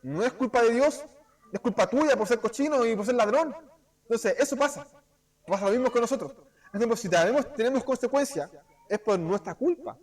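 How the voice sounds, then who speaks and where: A man with a Chilean accent preaching an informal sermon in a church, animated and asking rhetorical questions. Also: extremely high pitch, distant mic. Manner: animated, asks rhetorical "cierto?", acts out quick voices. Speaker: preacher teaching a Bible class.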